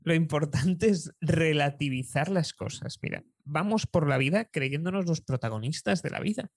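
Young man from Spain, Spanish accent, lively anecdotal storyteller, dry recording. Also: fairly high pitch, moderate pace, vocal fry, no echo. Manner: lively storyteller, chuckles often. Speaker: public speaking coach.

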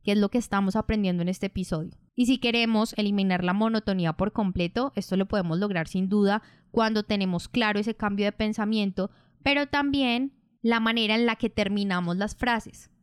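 A woman who hosts a podcast and coaches public speaking, explaining in a calm, measured way. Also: medium pitch, clean tone, no echo, studio quality. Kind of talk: instructional podcast narration.

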